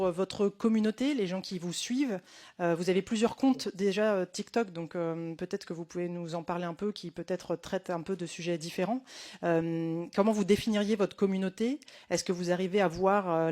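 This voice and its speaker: A woman's voice: lowish voice, darkish tone. A woman acting as rapporteur at a hearing, asking long, winding questions with frequent hesitations. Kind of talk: formal questioning.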